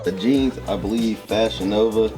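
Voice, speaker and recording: A man's voice: on the low side, moderate pace, music in the background. A man casually running through where his outfit came from, in a laid-back way. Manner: laid-back, listing items. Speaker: student showing his outfit.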